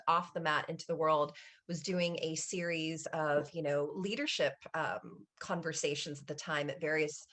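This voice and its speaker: A woman's voice: low-pitched, a bit bright. A woman moderating a conference panel, recounting and introducing in a conversational way.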